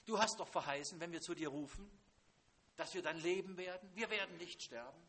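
A man preaching a sermon to a congregation, swinging from loud, dramatic outbursts to quiet, hushed lines. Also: high voice, a little fast, slight background noise.

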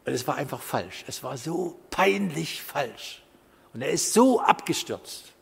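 A man in his fifties preaching a sermon in a conversational way, with quiet asides and loud bursts of emphasis. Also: on the high side, big pitch swings, measured pace, vocal fry, slightly rough. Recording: hall with long reverb.

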